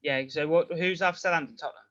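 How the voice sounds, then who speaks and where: A man's voice: on the high side, quick pace, fairly bright tone. A young man co-hosting a casual podcast over a video call, laughing and bantering as he runs through the topics. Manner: laughing, banter-heavy, leads the running order. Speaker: podcast co-host. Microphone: remote call mic. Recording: dull lo-fi call audio.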